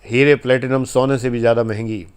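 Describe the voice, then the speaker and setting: Man, life coach, earnest exhorting talk, firm emphasis, mid-pitched voice. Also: steady tone, brisk, clear, resonant tone. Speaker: life coach giving advice. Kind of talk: motivational talk.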